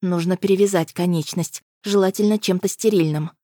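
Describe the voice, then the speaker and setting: Female audiobook narrator, low-pitched, dry close-miked sound. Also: steady tone, brisk, mellow, dry recording. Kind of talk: first-person audiobook narration.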